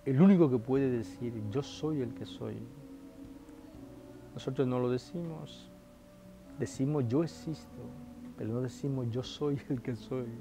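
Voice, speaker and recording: Friar preaching a sermon: slow, gravelly man, emphatic swells and drops, faint music underneath. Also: medium pitch. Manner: addresses listeners as brothers and sisters, emphatic swells and drops.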